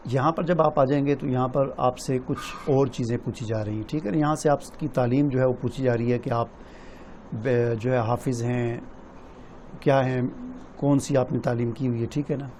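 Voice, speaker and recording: A man's voice: medium pitch, fairly even intonation, a little mellow, a little hiss or hum. A man narrating a screen walkthrough step by step, often checking in with the listener. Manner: explains step by step, often adds "theek hai?". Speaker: tutorial presenter.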